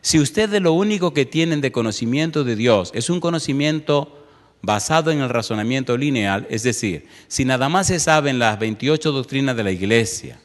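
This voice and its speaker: A man's voice: medium pitch, moderate pace. Preacher man, ringing hall reverb. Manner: lively, addresses congregation directly with repeated questions. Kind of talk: sermon with personal storytelling. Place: church, behind a pulpit.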